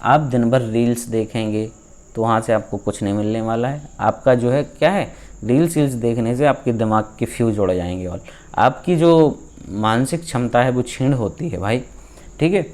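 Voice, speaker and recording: Male exam-prep teacher, mid pitch, lecturing style with rhetorical questions and check-ins. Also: normal speed, a little mellow. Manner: rhetorical questions, frequent "theek hai" checks; exhorting, lecturing viewers. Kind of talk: exam practice lesson.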